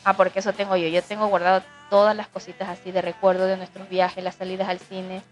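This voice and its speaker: A young woman telling a personal story in a casual chat, animated and acting out other people's voices. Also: medium pitch, fast talker, soft background music. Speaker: co-host telling her story.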